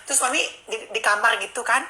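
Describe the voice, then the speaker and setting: A woman's voice: fairly high pitch, fast, rough recording. A woman, telling a personal story to her live-stream viewers in a chatty, confiding way. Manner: animated, swings between hushed and excited. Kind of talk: casual storytelling to a live audience.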